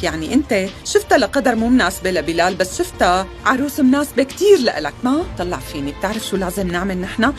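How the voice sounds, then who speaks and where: A dubbing actress playing an outspoken middle-aged aunt, arguing in quick rhetorical bursts. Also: female voice, medium pitch, close to an everyday voice. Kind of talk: dubbed TV drama acting. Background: music.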